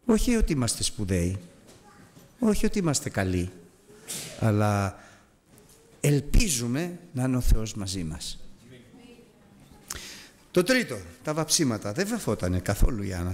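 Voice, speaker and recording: Animated storytelling male preacher. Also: on the low side, big-room sound. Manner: animated storyteller, acts out voices and sound effects; earnest, confessional. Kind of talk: sermon told as a personal story.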